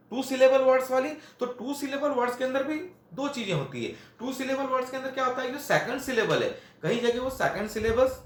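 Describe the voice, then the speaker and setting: Lively high-voiced teacher, echoey room. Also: male voice. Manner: repeats points, asks and answers his own questions; mixes Hindi with English phrases. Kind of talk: classroom grammar lesson. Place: classroom at a board.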